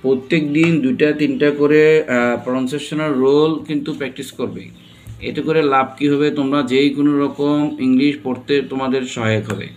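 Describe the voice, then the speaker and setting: Here a Bangladeshi-accented man talks fairly quickly at medium pitch while leading a classroom pronunciation lesson. Words get spelled out one letter at a time, and he constantly asks the class questions.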